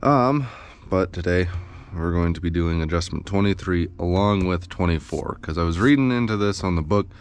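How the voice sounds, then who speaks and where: A man explaining a machine repair in a casual, subdued how-to tutorial, thinking aloud as he works in a bowling alley machine pit. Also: sits low. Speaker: pinsetter mechanic.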